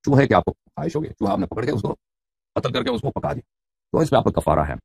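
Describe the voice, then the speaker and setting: A man's voice: medium pitch, wildly swooping pitch, creaky, a little mellow, breathy edge, no room sound. A middle-aged man giving a religious lecture, reading Arabic book titles and explaining them in Urdu, asking his listeners questions, with a mocking edge. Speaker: religious debater.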